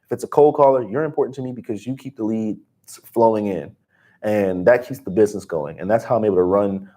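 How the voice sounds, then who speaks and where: A man in his twenties co-hosting a livestream, giving business advice in casual, energetic talk and calling people bro. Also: lowish voice, a little fast. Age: 20s. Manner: energetic, slangy, calls listeners bro. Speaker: livestream co-host.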